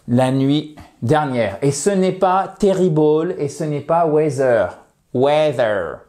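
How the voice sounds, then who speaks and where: A man giving a playful video lesson on English vocabulary, saying English example sentences slowly and clearly. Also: mid-range voice. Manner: lively, playful, shifts between French and slow English examples. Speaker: English teacher.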